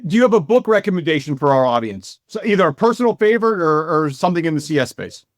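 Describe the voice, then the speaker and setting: Male podcast host, upbeat interviewer, slightly high voice, dry sound. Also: expressive, quick pace, dry recording. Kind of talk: conversational interview.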